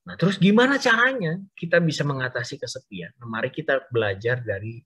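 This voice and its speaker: A man's voice: mid-range voice, lively intonation, fairly quick, fairly bright tone, breathy edge. A man giving a casual, chatty storytelling sermon to a youth group over an online call, addressing listeners directly. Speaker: youth service speaker. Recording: dull Zoom audio.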